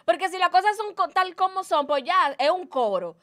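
A woman's voice: very high-pitched, lively intonation, normal speed, fairly bright tone. A woman, co-hosting a casual panel chat and explaining her firm opinions earnestly. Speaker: co-host.

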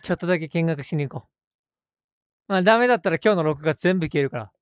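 A man's voice: a little high, lively intonation, soft background music. A young man streaming, chatting casually and teasing other players in a social VR game. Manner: chatty, teasing, quick to laugh. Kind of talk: casual VR chat. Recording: busy voice chat crowd. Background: crowd of other players.

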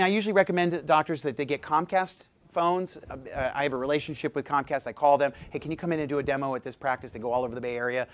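Lively man presenting a live seminar. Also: medium pitch. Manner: lively, jokey, quizzes the audience. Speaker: presenter at a dental practice seminar. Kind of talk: live seminar talk to an audience.

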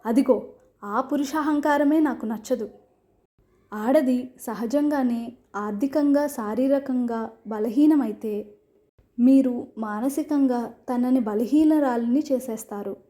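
A woman storyteller giving voice to a young bride who will not give in, speaking slowly and firmly in a soft, mellow tone. Her pitch sits a touch high, and every line carries indignant resolve. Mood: defiant. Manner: indignant, firm. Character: defiant young bride, sharp-tongued and proud. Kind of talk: storybook reading.

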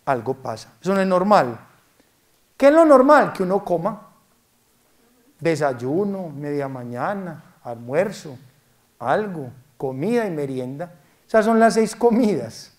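A priest delivers a light-hearted sermon and slips into the voices of grumbling parishioners. His voice sits high for a man, and he takes his time over each phrase. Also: very animated, unhurried, long pauses, darkish tone. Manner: mimics complaining parishioners, playful asides. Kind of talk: humorous sermon talk.

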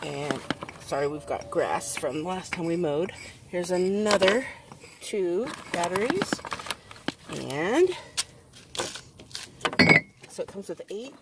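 Sitting on a wooden step outside a house, a toy-review mum unboxes something casually for her channel, building her explanations on the fly into a nearby handheld phone or camera. Her fairly low voice has lively intonation, she speaks slowly and pauses often, and the outdoor audio is noisy.

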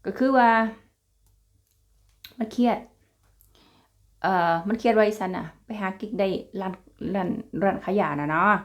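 Chatty Isan-accented woman vlogger. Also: mid-range voice. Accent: Isan (Northeastern Thai). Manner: chatty, laughs often, addresses viewers as siblings. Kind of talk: casual chat to viewers.

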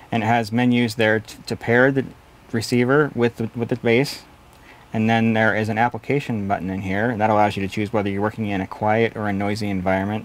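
Sitting at a desk in a small studio office, a man in his forties explains a piece of gear to camera in a lowish voice. The recording carries a little hiss or hum.

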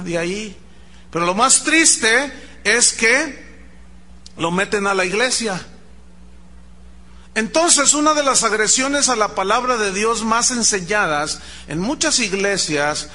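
A man with a Mexican Spanish accent preaching a sermon, animated, imitating shouting crowds and questioning the congregation. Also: high voice, a little hiss or hum. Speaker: pastor.

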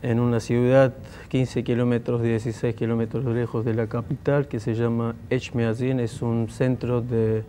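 A man's voice: mid-range voice, little pitch movement, moderate pace, mellow, a little hiss or hum. Armenian man, hesitant guest. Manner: hesitant, many fillers and restarts. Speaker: guest musician. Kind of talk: TV studio interview. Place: TV studio. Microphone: lapel mic.

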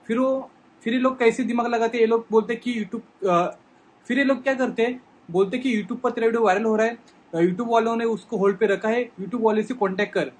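A young adult vlogger warns viewers about scams in an explanatory talk to camera, speaking in an extremely high-pitched, steady voice at a brisk clip. He explains informally and emphatically, repeating his points, from a small room.

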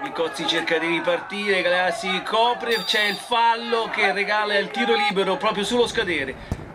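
A man narrates amateur five-a-side football highlights in a brisk play-by-play voice, stumbling and filling pauses with hesitations. His voice sits fairly high. A loud wash of noise runs under the whole recording. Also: a crowd in the background. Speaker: match commentator. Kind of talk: highlights commentary voice-over.

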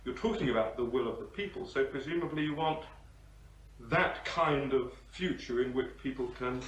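A man's voice: medium pitch, normal speed, fairly bright tone. A man from the audience asking a long, searching question, hesitating as he builds his argument. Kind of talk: discussion question. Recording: roomy sound from far off the mic, faint hiss.

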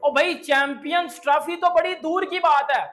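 A man's voice: very high-pitched, moderate pace, fairly bright tone. A young man from Pakistan giving brash, slangy, taunting cricket commentary indoors. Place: indoor room.

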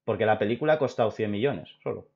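A young man from Spain with a Spain Spanish accent, hosting a casual opinion chat and rambling excitedly with many restarts. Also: fairly low pitch, fast talker, vocal fry. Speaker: video host. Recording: dull lo-fi recording.

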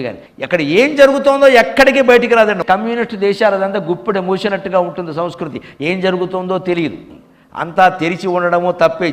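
An older man with a high voice gives a devotional discourse in a hall with a long reverb. He speaks emphatically and animatedly, and he mimics other people's voices to make his points. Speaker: spiritual speaker.

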